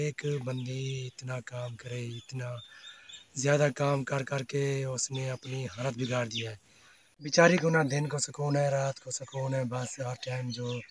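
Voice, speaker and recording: A man's voice: mid-range voice, a little mellow, slight background noise. Earnest, devout man vlogging. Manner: earnest, devout, repeats phrases often. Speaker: family vlogger. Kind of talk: casual vlog talk to viewers. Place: outdoors among fields, then walking.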